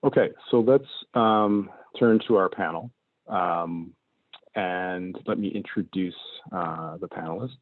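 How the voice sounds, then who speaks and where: A man moderating an online panel discussion over a video call, measured and halting with many ums and uhs. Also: low-pitched, dry recording. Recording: phone-like dry video call audio.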